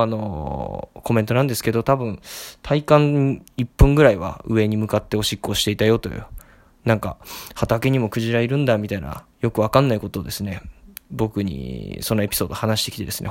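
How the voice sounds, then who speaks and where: A man's voice: on the low side, dry recording. A young man rambling wryly through a solo casual monologue as a podcast host, recorded in his home kitchen. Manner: rambling, wry, self-deprecating chatter.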